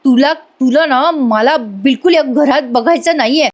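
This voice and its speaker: A woman voicing an angry young husband who speaks slowly in a clipped, dismissive way. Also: high voice. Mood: cold anger.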